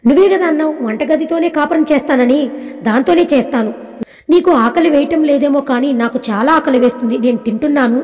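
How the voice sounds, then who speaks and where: A woman's voice: high-pitched, a little fast, darkish tone, lightly acted. A woman reading the lines of a young wife, by turns plaintive and sulky, in a storybook tale. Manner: plaintive, pouting. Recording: long reverb.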